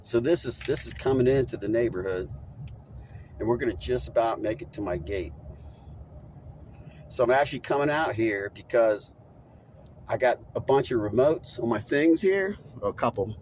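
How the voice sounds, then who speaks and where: A man's voice: mid-range voice, lively intonation, normal speed, long pauses, darkish tone, slight background noise. Chatty middle-aged man rambling while driving. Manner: rambling, chatty, laughs at his own story. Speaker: vlogger telling a story. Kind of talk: casual storytelling monologue while driving. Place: inside a moving vehicle.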